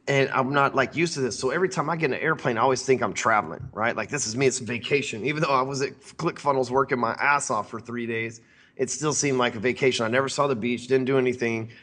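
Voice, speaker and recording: A man's voice: mid-range voice, quick pace, fairly bright tone. A man hosting a sales podcast, talking in a brash, rambling, profane way. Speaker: podcast host. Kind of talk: casual profane podcast talk.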